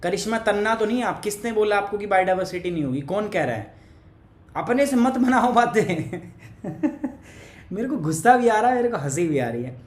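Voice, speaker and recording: This man's voice is high, brisk and lively in intonation as he teaches a live online class. Chatty and teasing viewers by name, he has a cough, and the room echoes.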